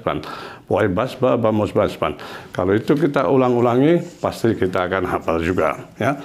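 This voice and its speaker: A man's voice: lowish voice, darkish tone, slight background noise. Patient man teaching a language lesson. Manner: patient, repeats example sentences slowly.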